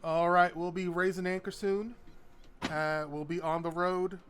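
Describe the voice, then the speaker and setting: A man voicing a brisk southern woman ship captain, with a put-on Southern US drawl. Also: high-pitched, level tone, a bit bright, slight background noise. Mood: businesslike. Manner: drawling, uses y'all.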